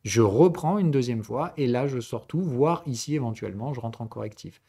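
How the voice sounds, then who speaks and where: Streaming a live trading lesson, a man from southern France tutors conversationally, responding to chat and peppering explanations with "okay?" and "right?" while shifting between formal and familiar address. His mid-range voice is dark and slightly rough, with lively intonation at a moderate pace.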